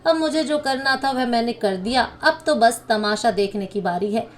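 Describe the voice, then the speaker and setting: A woman's voice: fairly high pitch, expressive, moderate pace, close to an everyday voice. A woman voicing a vain, scheming young daughter-in-law with a sly, spiteful manner.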